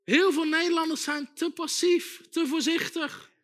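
Man, preacher, bright tense voice, emphatic, repeats phrases. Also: extremely high pitch, steady tone, measured pace. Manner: emphatic, repeats key phrases, builds to loud exhortation. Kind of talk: sermon.

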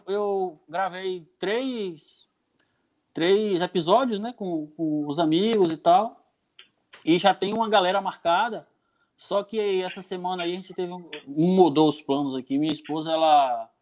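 A man's voice: high-pitched, a little mellow. A man with a northeastern Brazilian Portuguese accent, chatting casually in an informal, slangy way. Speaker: podcaster guest. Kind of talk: casual chat.

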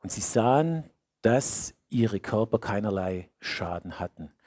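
Husky preacher, swinging loud to hushed. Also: male voice, fairly low pitch, lively intonation, unhurried, dry recording, studio quality. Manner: emphatic, repeats key phrases, swings between loud and hushed. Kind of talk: sermon.

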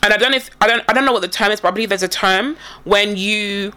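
A woman's voice: mid-range voice, fast, pushed and bright. A woman co-hosting a casual chat. She talks emphatically and often chimes in to agree. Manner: emphatic, frequent agreeing interjections.

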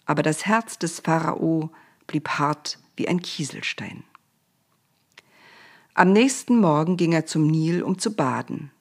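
A woman reading a Bible story aloud for children in a calm, plain storytelling manner. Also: sits low, measured pace.

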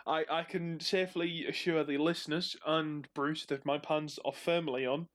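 A man with a fairly high voice and a Northumbrian accent. He co-hosts a podcast in loose, casual banter. His manner is jokey and self-deprecating, with plenty of swearing. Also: fairly even intonation, moderate pace, a bit bright. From Northumberland, England. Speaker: podcast co-host.

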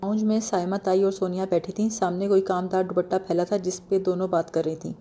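A woman reading a novel aloud as an audiobook narrator. Her voice is mellow and darkish, her delivery steady and measured. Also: fairly low pitch.

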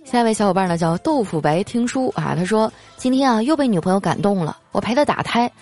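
A woman's voice: mid-range voice, lively intonation, fast talker, darkish tone. A woman hosting a comic show, reading listener jokes in a playful way and laughing often. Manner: playful, laughs often, acts out quoted lines in a raised voice. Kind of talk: comic podcast joke reading. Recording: light background music.

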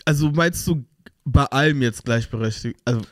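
A man's voice: medium pitch, normal speed, no echo. A young man co-hosting a podcast, easygoing and agreeable with a playful streak. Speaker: podcast co-host. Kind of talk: casual chat.

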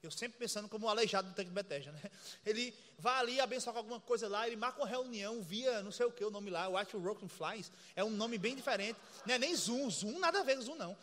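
A man preaching with a strikingly high, bright voice, animated and playful as he demonstrates and imitates laughter. His voice rings out with a long reverb, as in a large hall. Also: quick pace. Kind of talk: lively sermon.

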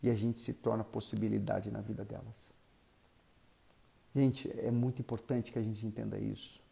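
A man preaching, his voice gravelly and mellow. He tells the story lively, rising loud and then dropping soft to drive his point home. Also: fairly low pitch, normal speed. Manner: animated, swings from loud to soft. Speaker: pastor. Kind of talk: storytelling sermon.

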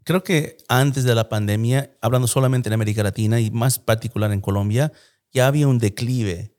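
A man's voice: mid-range voice, brisk, a little mellow. A man giving conversational political analysis in Spanish with occasional English filler words, in a Spanglish manner.

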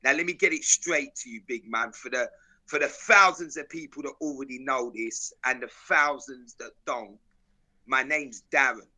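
Bright, forceful South London man. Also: medium pitch, normal speed, poor audio. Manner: emphatic, declarative, repetitive. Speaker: interview guest, videographer. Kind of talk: street-slang storytelling.

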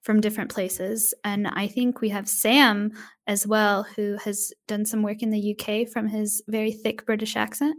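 A woman's voice: mid-range voice, flat delivery, normal speed. A woman hosting a podcast in a conversational style. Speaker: podcast host and user experience designer.

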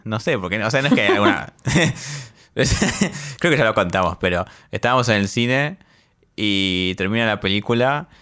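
Young Rioplatense man, teasing podcast co-host, deep smooth voice. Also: animated, moderate pace, bright, forceful tone. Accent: Rioplatense Spanish. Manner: joking, teasing. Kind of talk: casual chat.

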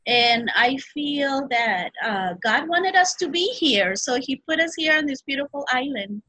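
An older woman raised in Peru answers questions as a guest in a casual interview. Her voice is high and bright, and her answers are short and cheerful. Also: animated, a little slow, rough recording.

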